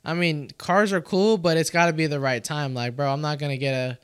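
Casting: male, twenties. Clean, smooth tone, loose sweary frat-bro delivery, conversational. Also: on the high side, fairly even intonation, fairly quick, dry recording. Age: 20s. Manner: frat-bro talk, slangy, heavy "bro" and swearing. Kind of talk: casual chat.

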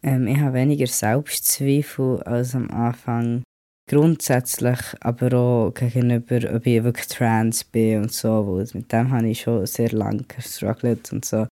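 A man's voice: mid-range voice, little pitch movement, unhurried, dark tone, dry recording, studio quality. A young man who has a cold, hosting a casual solo podcast and rambling on with English words mixed in. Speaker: podcast host.

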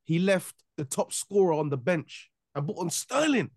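A man's voice: high voice, very animated, normal speed, creaky, darkish tone, no room sound, clean studio sound. A young man with an urban London street accent, debating football casually in slangy, insistent, repetitive phrases. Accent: London, urban street style. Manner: slangy, insistent, repeats himself.

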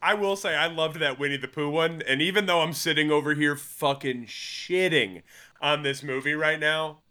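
A man's voice: a little high, moderate pace, bright, forceful tone. A man in his late twenties co-hosting a casual podcast, joking and emphatic, swearing often. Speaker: podcast co-host.

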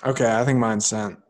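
A young man hosting a podcast, chatting casually and laughing often, with lots of fillers as he trails off. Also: medium pitch. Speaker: podcast host. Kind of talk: casual chat.

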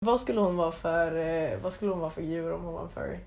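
A woman co-hosting a casual podcast with a lowish voice. She announces segments and teases her co-host in a dry way. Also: gravelly, a little mellow. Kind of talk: casual chat.

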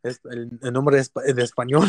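A man with a Mexican accent chatting casually as a podcast guest in halting Spanglish, often repeating words as he searches for the next one. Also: mid-range voice, fairly even intonation, a little mellow. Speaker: podcast guest, boxer and musician. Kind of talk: casual bilingual podcast chat.

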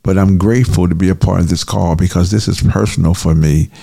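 A man on a panel call reflecting on his own mistakes, speaking in a halting way with fillers. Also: deep voice, fairly even intonation, gravelly, warm tone, dry recording, clean studio sound.

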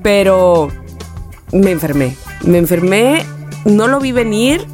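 A woman's voice: medium pitch, slow, faint music behind. A middle-aged woman with a Mexican accent, a podcast co-host chatting casually and acting out the voices in her anecdotes. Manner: animated storyteller who acts out quotes. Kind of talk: casual chat, storytelling.

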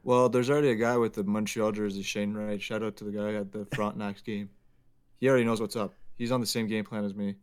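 A man's voice: lowish voice, level tone, fast talker, clean tone. A young man from Quebec co-hosting a sports podcast, opinionated and emphatic, with joking rants. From Quebec, Canada. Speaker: podcast co-host. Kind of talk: casual sports podcast chat.

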